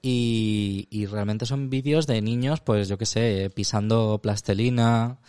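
A man's voice: lowish voice, fairly even intonation, a little slow, darkish tone, clear, resonant tone, dry recording, clean studio sound. A man co-hosting a casual comedic podcast chat, often repeating words as he searches for what to say. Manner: hesitant, repeats words while searching for them. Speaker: podcast co-host.

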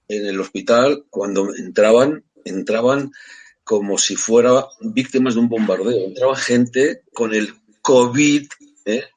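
A husky-voiced man, talking as a guest in a casual round-table chat. He is emphatic and repetitive, circling back to the same words with plenty of fillers. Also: fairly low pitch. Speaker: guest, rock musician. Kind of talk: casual talk-show chat.

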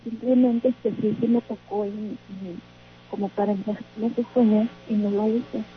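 A woman's voice: mid-range voice, fairly even intonation, measured pace, slight background noise. A woman calling in to tell a frightening story, hesitant and full of fillers, still shaken. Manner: hesitant, many fillers and restarts. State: shaken, trembling. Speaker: caller. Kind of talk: telling a personal story. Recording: tinny phone line.

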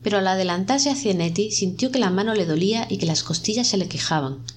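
A woman reading a short story aloud in a measured, dramatic narration. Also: mid-range voice, a little hiss or hum. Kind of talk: scripted audiobook narration.

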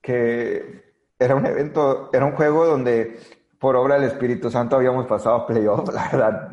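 Mexican man, podcast guest, earnest halting storyteller; medium voice, dull low-fi recording. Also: darkish tone, reverberant. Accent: Mexican Spanish. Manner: hesitant, many fillers and restarts, earnest. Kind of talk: storytelling in a conversation. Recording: dull lo-fi audio.

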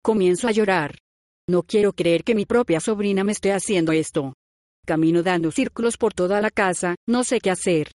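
A woman narrates a first-person audiobook, speaking the dialogue of every character in her own everyday voice. Her pitch sits in the middle, and the recording is dry and close, with no room sound. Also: normal speed, darkish tone, no echo. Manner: reads all characters' lines in her own voice.

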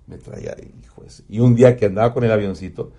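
A man with a Mexican accent, a radio announcer telling personal stories in a casual, animated way, swearing freely. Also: on the low side, fast talker. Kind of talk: casual storytelling in an interview.

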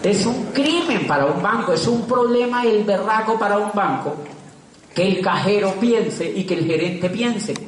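A middle-aged male public speaker gives a lively talk to a live audience, using rhetorical questions and repeating words for stress. His voice is high with lively intonation and a measured pace. Recorded from far off in an echoey room, the clip has some chatter behind him and a little hiss or hum.

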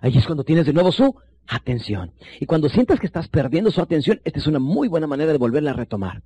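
A man teaching sales techniques, shifting between quick bursts and low, slow emphasis while speaking straight to the listener. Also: sing-song, dark tone, slightly rough, no echo. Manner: addresses listener directly as compañero. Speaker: sales trainer. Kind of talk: recorded sales seminar lesson.

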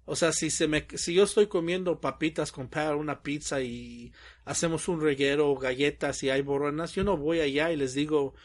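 A man's voice: on the high side, fairly even intonation, moderate pace. A young man chatting casually, telling stories animatedly and acting out quoted dialogue with frequent laughs. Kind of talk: casual chat.

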